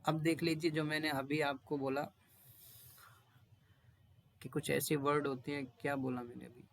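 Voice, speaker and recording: A man teaching English vocabulary in Hindi, repeating each word again and again and reading definitions slowly, with homely asides to his students. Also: fairly high pitch, little pitch movement, gravelly. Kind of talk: explaining vocabulary and drilling pronunciation.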